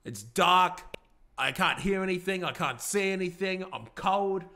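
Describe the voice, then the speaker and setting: A man telling a wild story in character, excitable and swearing a lot, often bursting into shouts. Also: high voice, measured pace.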